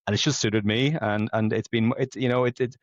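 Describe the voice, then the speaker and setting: This Belfast man in his late thirties has a Northern Irish accent and a mid-range voice with fairly even intonation, talking a little fast. As a podcast guest and amateur competitive runner, he tells casual, rambling stories. The podcast audio is dry, dull and lo-fi.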